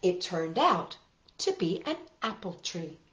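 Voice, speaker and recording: In a living room, a middle-aged woman with a lowish voice hosts a children's storytime, mixing talk with picture-book reading. She's animated and expressive, phrasing deliberately as she reads, and the recording has a roomy echo and a dull lo-fi sound.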